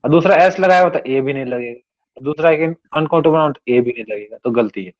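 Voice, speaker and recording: A man's voice: on the high side, fast. A male teacher giving a classroom grammar lesson, explaining step by step and often checking that his students follow. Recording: dull lo-fi recording.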